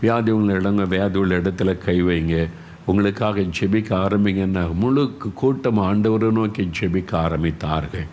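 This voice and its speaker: A man's voice: sits low, moderate pace, darkish tone, slight background noise. A man preaching an earnest sermon, pleading with listeners through repeated questions.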